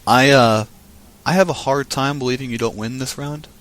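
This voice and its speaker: A man's voice: mid-range voice, moderate pace, fairly bright tone. A man giving casual, chatty commentary on a card game match, thinking aloud as he goes.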